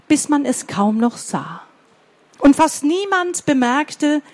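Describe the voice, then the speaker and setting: Slow, high-voiced woman telling children a story. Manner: slow, expressive, asks the children questions. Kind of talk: reading a story aloud to children.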